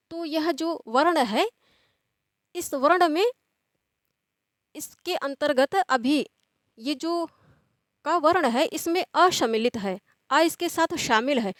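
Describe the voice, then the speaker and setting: A woman with a high-pitched voice teaches a grammar lesson, posing questions and then answering them in a steady, explanatory way while drawing out the example words slowly. The recording is studio quality with no room sound.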